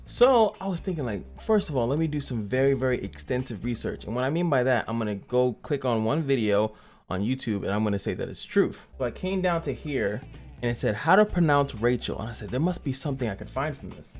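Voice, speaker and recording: A man's voice: mid-range voice, sing-song, brisk, a little mellow, soft background music. A man hosting a casual gaming commentary channel, joking and chatty as he reviews a character. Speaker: game reviewer and channel host.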